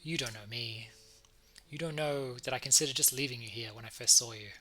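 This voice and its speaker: A man voicing a gentle, worried male unicorn in a visual novel, speaking softly, haltingly and earnestly. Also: mid-range voice. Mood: grave.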